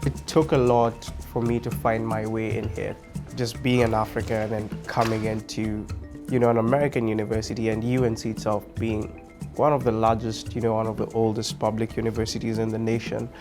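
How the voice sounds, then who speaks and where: A man's voice: fairly low pitch, little pitch movement, a little fast. A man in his twenties with a Kenyan accent, telling his personal story in an interview as a student leader. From Nairobi, Kenya. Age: 20s. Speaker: student body president. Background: background music.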